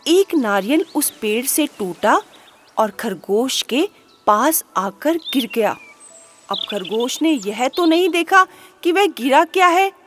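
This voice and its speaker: Woman storyteller, high voice, slow unhurried pace, expressive, soft music behind. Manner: lively, expressive storytelling with rhetorical questions. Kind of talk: children's moral story narration.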